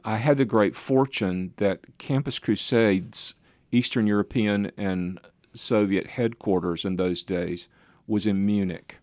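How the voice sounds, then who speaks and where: An older man, a pastor and author appearing as an interview guest, tells rambling, self-deprecating stories with chuckling asides. His voice is fairly low and darkish, recorded at studio quality with no echo.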